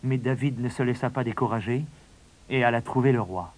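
A man reading a children's storybook aloud in a measured, dramatic narration. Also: medium pitch, darkish tone.

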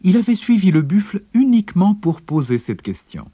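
A man narrating a storybook in a measured, expressive way. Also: sits high, husky, dry recording, studio quality.

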